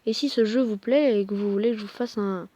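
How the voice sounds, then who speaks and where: A young woman talks casually over a mobile game, hesitant, full of fillers and quick apologies. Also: medium pitch, mellow, slight background noise. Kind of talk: casual gameplay commentary.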